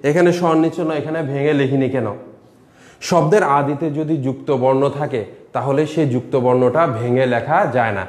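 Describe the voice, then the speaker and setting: A man's voice: on the high side, roomy sound. A man with a Bangladeshi accent, a college lecturer giving a recorded lesson, explaining step by step and repeating example words.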